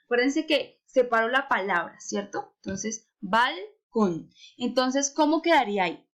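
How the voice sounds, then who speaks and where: Teacher, female, higher voice; patient classroom delivery for kids, drawn-out words, frequent questions. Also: expressive, a bit bright. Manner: patient, asks frequent rhetorical questions, stretches words to stress syllables. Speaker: primary school teacher. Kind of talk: recorded remote lesson for children.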